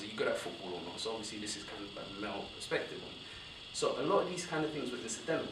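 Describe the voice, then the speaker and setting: A young man speaks on a university panel in a discursive, animated way, circling back and correcting himself as he goes. His mid-range voice is picked up from across a roomy lecture hall with a steady hiss of noise underneath. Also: mid-range voice, distant mic. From born in Somalia, raised in West London. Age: young adult.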